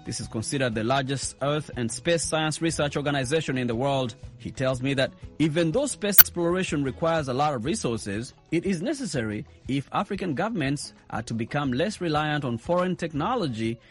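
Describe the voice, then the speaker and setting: A man hosting a radio magazine show, reading scripted links and introducing guests in a steady, announcer-like way. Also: fairly high pitch, brisk, hardly any pauses, faint music behind. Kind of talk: scripted radio presenting and interviewing.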